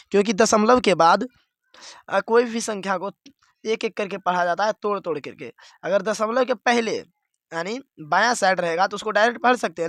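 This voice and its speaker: A man with a high voice teaches a math lesson step by step and keeps checking that his listeners follow along. The recording is dry and close, with no room sound. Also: a bit bright, no room sound. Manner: explains step by step, repeats "dekhiye" and "theek hai".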